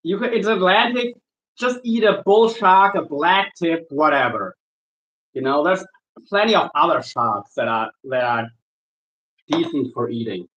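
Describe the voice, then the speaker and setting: A man's voice: fairly high pitch, a bit bright, highs cut off. Guy chatting casually while he works, laid back, keeps restarting his sentences. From Germany. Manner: easygoing, halting, with restarts and repeated words. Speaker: shark angler answering viewer questions. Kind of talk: casual livestream chat while working.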